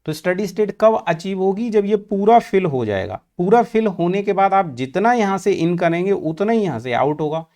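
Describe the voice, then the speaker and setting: A man's voice: sits high, lively intonation, darkish tone. A man with an Indian accent teaching engineering, mixing Hindi and English and asking questions he then answers himself. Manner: mixes Hindi and English, asks and answers his own questions; slow and deliberate, stretching out key terms. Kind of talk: classroom lecture.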